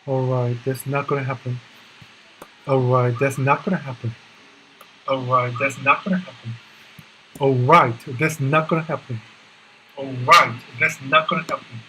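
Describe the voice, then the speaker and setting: A man with a Korean accent, a native Korean speaker, doing English shadowing practice, echoing lines a beat behind and repeating them haltingly. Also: medium pitch, steady tone, sharp tone, a little hiss or hum. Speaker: live-streaming English learner. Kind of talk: shadowing practice, repetitive drilling.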